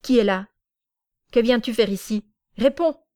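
A woman reading an audiobook, voicing an angry, threatening young village man who shouts accusations. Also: mid-range voice, normal speed, faint music behind, lightly acted. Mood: suspicious.

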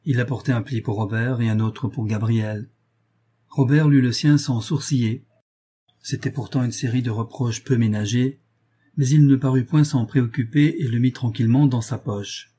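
A man narrating a novel chapter in a measured, even storytelling manner. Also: mid-range voice, slightly rough. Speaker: audiobook narrator.

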